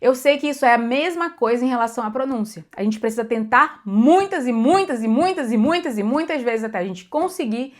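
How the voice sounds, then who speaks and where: A young adult woman with a Brazilian accent gives a casual pronunciation lesson. Her voice sits a little high, and she talks in a chatty way. She keeps repeating words for emphasis and checking in with her listeners. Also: lively intonation, fairly quick, hardly any pauses. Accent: Brazilian Portuguese. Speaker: English teacher.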